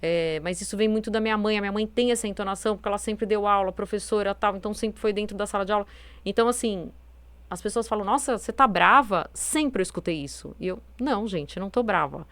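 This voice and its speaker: A woman's voice: mid-range voice, fairly even intonation, fast talker, clear, resonant tone, no echo. A woman hosting a self-help video, talking casually with many fillers and a naturally firm tone. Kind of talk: casual advice monologue.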